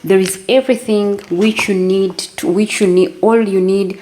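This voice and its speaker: A woman's voice: medium pitch, steady tone, moderate pace, mellow, a little hiss or hum. A young woman from Uganda talking casually to camera in a vlog, chatty, often repeating words and restarting as she goes. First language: not French; English-speaking. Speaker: vlogger.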